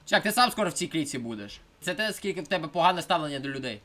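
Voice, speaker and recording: A young man giving casual let's-play commentary, swinging between mumbled asides and shouted outbursts. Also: on the high side, lively intonation, very fast. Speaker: gameplay streamer.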